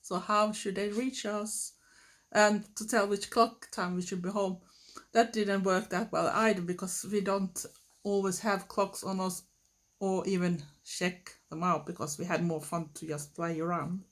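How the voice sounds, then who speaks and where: A woman's voice: medium pitch, fairly even intonation. Swedish woman answering questions unhurriedly. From Sweden. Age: middle-aged. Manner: unhurried, thoughtful, many fillers and restarts. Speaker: vlogger. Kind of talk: get-to-know-me tag monologue.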